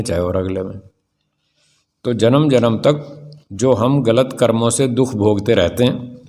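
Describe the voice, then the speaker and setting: An older man giving a spiritual discourse, emphatic and rhetorical, slowing down to stress key phrases. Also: mid-range voice, a little mellow. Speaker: spiritual teacher. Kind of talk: spiritual discourse answering questions.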